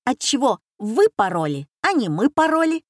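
A woman's voice: on the high side, sing-song, dry recording, clean studio sound, pitched above the performer's own voice. A woman voicing a cheeky schoolboy who pesters the family with pun questions. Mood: pestering. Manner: insistent, rapid-fire questioning.

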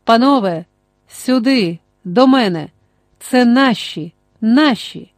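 A woman reading the lines of an older silver-mustached male Cossack who calls out warmly and loudly. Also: on the high side, a little slow, no echo, studio quality. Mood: hearty. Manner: calls out warmly, excited exclamations.

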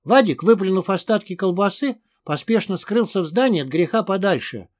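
Man, first-person audiobook narration, high-pitched, tough gruff delivery. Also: lively intonation, moderate pace. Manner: tough, gruff with crude curses in dialogue.

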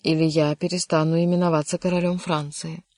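Reader doing a kind old king, pushy but gentle, mellow voice, dry sound. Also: mid-range voice, little pitch movement, brisk, no room sound, close to an everyday voice. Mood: coaxing. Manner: warm, coaxing, sometimes vexed. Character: kindly insistent older male king. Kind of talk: audiobook character reading.

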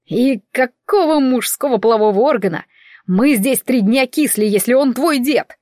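A woman's voice: fairly high pitch, expressive, unhurried, no echo, studio quality. A woman voicing a brash, cocky young man who plays at being indignant and snaps off mock-military replies. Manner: loud, mock-indignant, swaggering.

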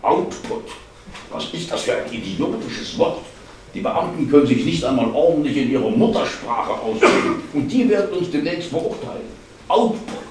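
A man's voice: medium pitch, lively intonation, a little slow, a little hiss or hum, voice pushed up. A male reader voicing an exasperated, sarcastic office researcher whose voice sits close to cracking. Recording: echoey hall, distant mic.

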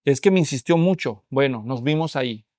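A man's voice: medium pitch, animated, fairly quick, darkish tone, no echo, clean studio sound. A middle-aged man preaching a sermon as a pastor, telling a story and addressing the congregation directly.

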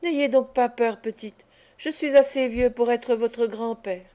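Woman doing a hushed gruff old gentleman. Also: fairly high pitch, fairly even intonation, unhurried, lightly acted.

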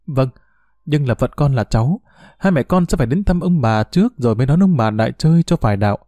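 A man's voice: mid-range voice, lively intonation, fast, dark tone, no echo, clean studio sound, lightly acted. A man voicing a kind, forgiving young woman who talks politely and earnestly to an older man.

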